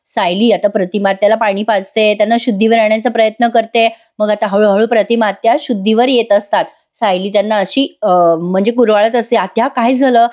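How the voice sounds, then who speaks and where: A woman giving a voice-over recap of a TV serial, telling it in a lively way and speaking straight to her viewers. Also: medium pitch, brisk, few pauses. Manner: lively storytelling, addresses viewers directly. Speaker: serial reviewer.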